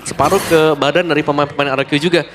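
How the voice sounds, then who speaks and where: A man's voice: a little high, steady tone, fast, background noise. A man with an Indonesian accent giving live esports analysis and commentary as a co-caster.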